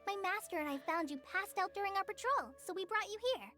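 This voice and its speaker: Shy kind young ranger girl in a game, high bright voice, modest n gentle. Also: expressive, fast talker, soft background music, heavily acted.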